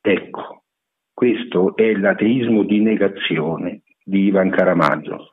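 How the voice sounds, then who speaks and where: A man with a husky, somewhat low voice gives a measured radio lecture on literature. The sound is squeezed into a narrow, phone-like band, like an old radio broadcast.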